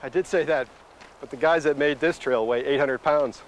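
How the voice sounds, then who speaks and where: Hiking outdoors on open coastal tundra, a middle-aged man gives straightforward, instructive explanations as part of his job as a wilderness guide. He has a fairly high voice and a moderate pace, with slight background noise behind him.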